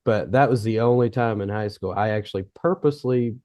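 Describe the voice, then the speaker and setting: A man's voice: on the low side, a little fast, a little mellow, dry recording, studio quality. A man chatting on a podcast, telling easygoing stories with fillers and frequent laughs. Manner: easygoing storyteller, laughs often, many fillers. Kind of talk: casual chat. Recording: dull, muffled sound.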